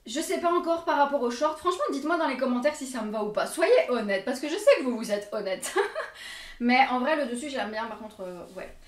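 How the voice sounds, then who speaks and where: A woman's voice: high voice, animated, a little fast. Belgian woman, young, talkative and self-deprecating vlogger; roomy echo, a step from the mic. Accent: Belgian French. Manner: chatty, self-mocking, laughs often. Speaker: fashion vlogger. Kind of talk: casual try-on haul chat. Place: bedroom with mirror. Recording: echoey room, mic at a distance.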